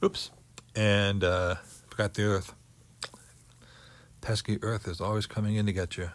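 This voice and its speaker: A man lecturing on orbits at an unhurried pace, stopping often to think between steps. His voice sits fairly low, and he slips in a dry joke now and then. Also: flat delivery. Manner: slow, thinking aloud with many pauses and fillers. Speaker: teacher. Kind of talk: physics lecture.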